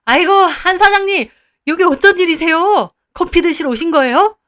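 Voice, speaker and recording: A woman voicing a rude male cafe owner who talks down to customers and grovels to his landlord, in a loud, shrill, snippy voice. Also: moderate pace. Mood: grovelling.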